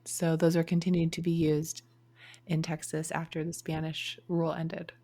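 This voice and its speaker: A woman co-hosting a genealogy podcast, explaining history in a measured, thinking-aloud way. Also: low-pitched, completely flat delivery, mellow. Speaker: podcast co-host. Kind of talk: conversational podcast discussion.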